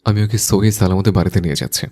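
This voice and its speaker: Cast a man as a possessive young hothead, deep and fast-talking, all commands through gritted teeth. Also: dark tone, husky. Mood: menacing. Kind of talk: audio drama acting.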